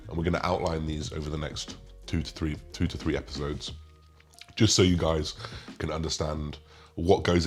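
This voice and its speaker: Guy w really deep voice, bit of a lisp, slushy s, just chatting to his followers as host. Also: a little mellow. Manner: lisp with slushy s sounds from new dental retainers. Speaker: host, men's physique bodybuilder. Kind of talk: casual explanatory video talk to viewers.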